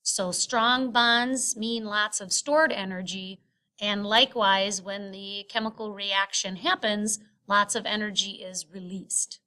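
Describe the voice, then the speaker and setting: Bright-voiced woman teacher narrating a screencast lesson. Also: medium pitch, steady tone. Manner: halting, explanatory teaching delivery with frequent filled pauses. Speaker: science teacher. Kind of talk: recorded lecture narration, explanatory screen recording. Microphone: screen recording voice-over.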